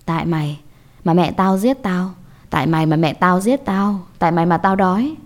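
A woman's voice: lowish voice, normal speed, darkish tone, close to an everyday voice. A woman voicing a vengeful, menacing ghost girl who hisses accusations in a storybook horror tale. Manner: hissing, accusing.

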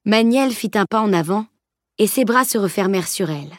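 A woman narrating an audiobook in a steady, even storytelling manner. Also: mid-range voice, a little fast, no echo, studio quality. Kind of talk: scripted narration.

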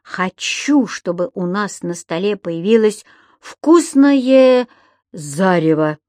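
A woman's voice: fairly high pitch, lively intonation, a little slow, a little mellow, no echo, studio quality. A woman voicing a timid, flustered grown man who stammers and hesitates. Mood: eager.

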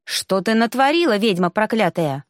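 A woman's voice: mid-range voice, sing-song, moderate pace, no echo, studio quality, lightly acted. A woman reading an audiobook, voicing an enraged male general-rector who hisses and roars insults. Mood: furious. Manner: hissing, roaring, scolding. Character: furious male general-rector, trapped in a young witch's body.

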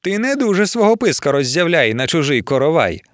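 A man doing a shrill, furious tiny dwarf woman. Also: big pitch swings, a little fast, dry recording, clean studio sound. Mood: scolding. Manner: scolding, threatening.

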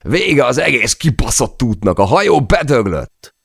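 A man voicing an exhausted, seasick sailor who shouts against a storm in an audiobook. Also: fairly low pitch, big pitch swings, dry recording, studio quality, voice pushed up. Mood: shouting, despairing. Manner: shouting, desperate. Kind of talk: audiobook character voice.

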